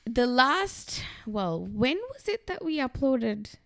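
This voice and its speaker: A woman's voice: on the high side, sing-song, slow pace, creaky. A woman co-hosting a casual pop-culture podcast. She is a little out of breath, chatty and apologetic, and often trails off mid-sentence. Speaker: podcast co-host. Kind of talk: casual chat.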